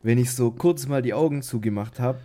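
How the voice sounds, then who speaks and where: A man at a mid pitch, co-hosting a relaxed podcast chat. He jokes crudely and talks in loose slang. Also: brisk. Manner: crude, joking banter with slang. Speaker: podcast co-host. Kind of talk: casual chat.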